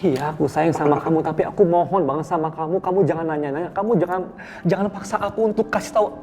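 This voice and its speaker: A man's voice: on the high side, quick pace, darkish tone, soft background music, natural voice. An actor playing an evasive, stressed young man pleading with his girlfriend to stop asking in a TV drama. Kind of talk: TV soap drama acting.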